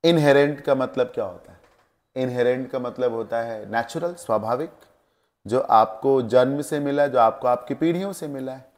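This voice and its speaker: A male teacher with a mid-range, slightly mellow voice speaks at normal speed in a classroom lesson on English word meanings. He explains each word with a Hindi gloss and asks checking questions to see if the class is following.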